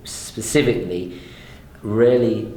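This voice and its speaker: A man hosting a relaxed chat about luxury watches, speaking enthusiastically with frequent restarts. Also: lowish voice, a little slow, reverberant, a little hiss or hum, low-quality recording. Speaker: host. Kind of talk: casual chat.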